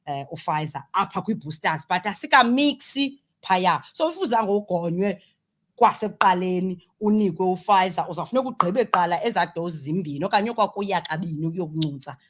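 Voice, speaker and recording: South african lady radio host, xhosa accent, talks really fast, chatty and emphatic. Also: on the low side, lively intonation. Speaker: radio presenter. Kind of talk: conversational radio interview, switching between two languages.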